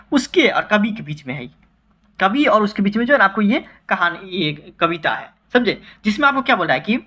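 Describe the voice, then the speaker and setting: A man's voice: high-pitched, bright, forceful tone. A man teaching an exam-prep poetry lesson in a chatty way, often asking whether students understood. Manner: chatty, repeatedly checking understanding.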